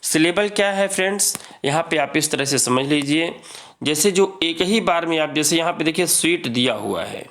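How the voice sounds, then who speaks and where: A man teaching English grammar in a lesson, reading rules slowly and explaining them with many repetitions. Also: a little high, lively intonation, fairly bright tone. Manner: reads English rules slowly, then explains, repeating "ठीक है".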